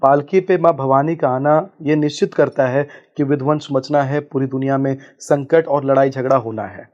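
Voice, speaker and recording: A man's voice: mid-range voice, normal speed, a little mellow, dull audio. A man speaking as a spiritual guest in an interview, explaining at length and reciting Sanskrit verses. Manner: expounding, chants Sanskrit verses.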